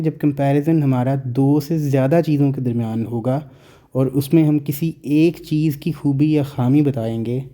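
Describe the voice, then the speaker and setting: A man teaching a grammar lesson, speaking slowly and explaining each rule, mixing English terms into Hindi-Urdu talk. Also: medium pitch, warm tone.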